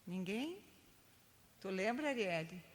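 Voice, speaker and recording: A woman's voice: medium pitch, big pitch swings, slow pace, in a large hall. An older woman training Sunday school teachers, telling stories and checking in with her listeners often. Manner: chatty, keeps adding "né?" tags. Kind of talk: teaching a training class with storytelling.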